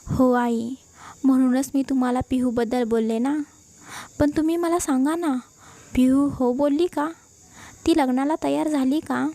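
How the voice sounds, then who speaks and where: A woman's voice: high voice, fairly even intonation, measured pace, pauses often, mellow, no echo. Woman voicing an eager daughter-in-law. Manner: polite, eager. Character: hopeful middle-aged woman, dutiful daughter-in-law.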